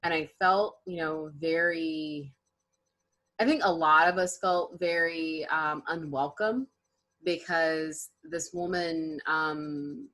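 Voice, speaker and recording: Slightly low-voiced woman panelist, animated storyteller, laughs and restarts.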